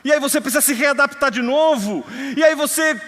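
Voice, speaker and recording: High bright-voiced Brazilian pastor preaching. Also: male voice, brisk. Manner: swings from soft storytelling to loud emphatic preaching. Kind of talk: sermon. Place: church hall. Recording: long hall reverb.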